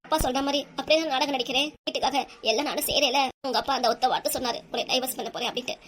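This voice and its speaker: A woman's voice: high voice, racing, fairly bright tone. A woman voicing a tearful, put-upon wife and mother in a cartoon comedy, pleading and complaining. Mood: aggrieved. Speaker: voice actor.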